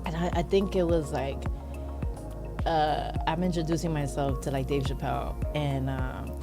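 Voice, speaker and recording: A woman comedian telling a story in casual chat, lively and quick to act out what others said. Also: deep voice, over music. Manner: animated, acts out other people's lines. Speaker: comedian guest.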